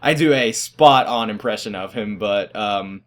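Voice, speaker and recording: A man's voice: lowish voice, measured pace. A teenage boy casually telling stories about his school days, rambling and self-deprecating, often laughing at himself. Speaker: vlogger. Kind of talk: casual storytelling.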